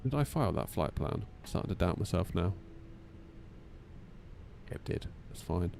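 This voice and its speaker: Low, creaky-voiced man streaming a flight sim. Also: expressive, normal speed, warm tone, slight background noise. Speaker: flight simulator live streamer. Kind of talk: casual stream chat with radio readbacks.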